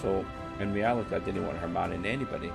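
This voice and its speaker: A man's voice: deep voice, fast talker, vocal fry, over music. A man giving casual let's-play commentary, rambling and thinking aloud with the odd swear word. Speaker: game streamer.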